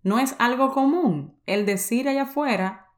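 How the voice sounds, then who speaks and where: On her personal podcast, a young Dominican host speaks with a Dominican accent, sharing her story candidly and confessionally while slipping English into her Spanish. Her voice is a little high, at a moderate pace, and the room is echoey.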